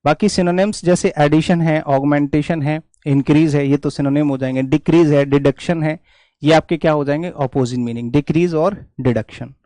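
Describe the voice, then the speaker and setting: Man, fairly high voice, vocabulary lesson, repeats words, dry room. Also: steady tone, normal speed, dark tone, no room sound. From India. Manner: repetitive, explanatory, checks in with "theek hai". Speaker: English vocabulary teacher. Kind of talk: exam-prep vocabulary lesson.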